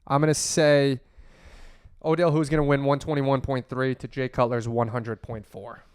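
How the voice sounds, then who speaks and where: A man's voice: medium pitch, flat delivery, moderate pace, darkish tone, clean tone, dry recording, studio quality. A man co-hosting a fantasy football podcast, chatting casually with crude, joking banter. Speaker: podcast co-host. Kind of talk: casual chat.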